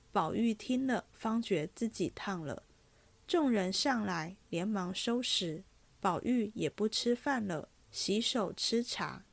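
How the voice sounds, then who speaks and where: A woman reading a classic novel aloud in an expressive way, changing her voice for each character. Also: medium pitch, creaky, no room sound. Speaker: reader.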